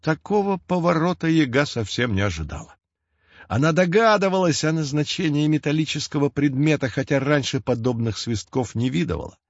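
A man narrating a fairy tale audiobook with expressive storytelling. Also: fairly high pitch, fairly quick, dry recording. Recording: dull lo-fi dry recording.

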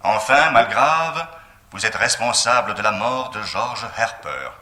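A booming accusing voice. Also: male voice, lively intonation, pushed and bright, exaggerated voice. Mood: solemn. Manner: solemn, slow, declamatory. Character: disembodied accusing voice from a gramophone record. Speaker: recorded accusing voice. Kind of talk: 1970s French radio drama. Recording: roomy reverberant sound.

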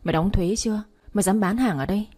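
A swaggering male thug boss from a storybook, crude and menacing, spitting out threats, as a woman narrator puts him on. The voice stays mellow and husky. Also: mid-range voice, quick pace, lightly acted.

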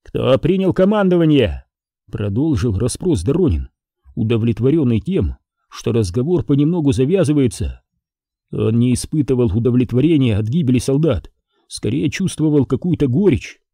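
A man narrating an audiobook in an expressive storytelling manner. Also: medium pitch, normal speed, breathy edge, no room sound, clean studio sound. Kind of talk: scripted narration.

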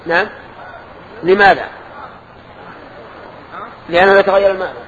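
A man's voice: high-pitched, moderate pace, a bit bright. An older man giving a religious lesson in a mosque, quizzing and correcting his students as he explains. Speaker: religious teacher. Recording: dull lo-fi lesson recording with faint noise.

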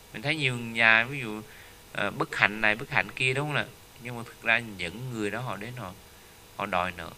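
A man's voice: on the low side, sharp tone, slight background noise. A man giving a Buddhist dharma talk, telling a story and often asking his listeners "right?". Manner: storytelling, with frequent rhetorical "right?" tags. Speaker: Buddhist teacher.

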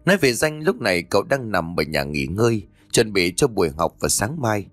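A man narrating a ghost story with expressive, rising and falling delivery. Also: deep voice, normal speed, dry recording. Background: faint background music.

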